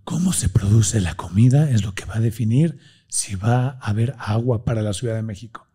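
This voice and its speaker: In a studio hung with blue-lit curtains, a Mexican man in his thirties speaks into a desk-stand mic as an interview guest. His voice is lowish, warm, and slightly rough. He's passionate, gestures a lot, and rattles off lists quickly in an animated conversation.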